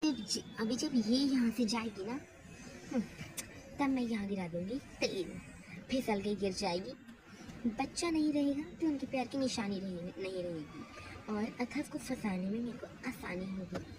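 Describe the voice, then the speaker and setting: A spiteful young rival sneers and plots, as a woman puts her on for a homemade doll mini-movie. The delivery is slow and a little high, with English phrases slipped in. A clear hiss of home-recording noise sits behind it. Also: natural voice. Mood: scheming.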